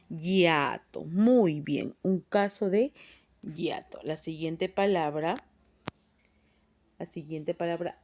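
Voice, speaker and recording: Slow-speaking woman teacher, patient. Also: lowish voice, a little mellow. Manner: patient, explains step by step with frequent tag questions. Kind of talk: classroom grammar lesson. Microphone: phone voice recorder.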